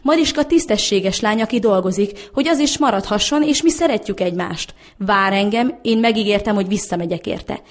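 A woman's voice: mid-range voice, few pauses, close to an everyday voice. Determined young baker's son read by a woman, earnest, storybook lover. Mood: defiant.

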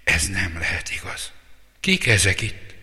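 A man's voice: sits low, very animated, pushed and bright, exaggerated voice. A man voicing a horrified young woman who cries out and pleads, read as a storybook figure. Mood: outraged. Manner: pleading, crying out. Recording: long reverb.

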